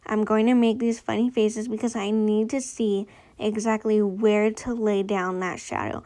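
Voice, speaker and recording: A woman's voice: mid-range voice, little pitch movement, a little slow, dark tone. A woman with a noticeable lisp from a retainer, narrating a makeup tutorial in a casual, chatty, informal way. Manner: chatty, informal, girlfriend-to-viewer talk.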